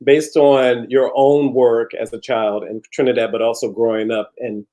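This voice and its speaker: A man's voice: mid-range voice, flat delivery, normal speed, low-quality recording. Man interviewing with short affirmations. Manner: warm prompts, frequent short affirmations, restarts. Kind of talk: conversational interview.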